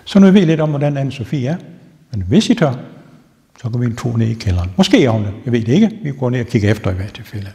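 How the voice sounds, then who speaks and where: A man's voice: medium pitch, creaky. Man telling ghost stories in a hall. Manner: lively storyteller, building suspense. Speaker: castle tour guide. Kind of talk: ghost-story guided tour. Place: castle rooms and wine cellar, indoors. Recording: long reverb in a stone castle room.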